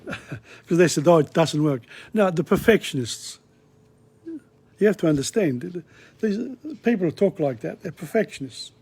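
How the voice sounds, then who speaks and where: Guy rambling thru a casual language lesson, kinda high voice, keeps going off on tangents. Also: animated, a little slow, long pauses, darkish tone, husky. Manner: rambling, digressive, chatty. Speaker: Italian language teacher. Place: Australia.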